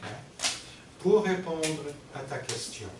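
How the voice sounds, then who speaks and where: A man's voice: on the high side, expressive, slow pace. Man teaching a workshop. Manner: explanatory, checks in often with the audience. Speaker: workshop presenter. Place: workshop room with an audience. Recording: roomy and distant with background noise.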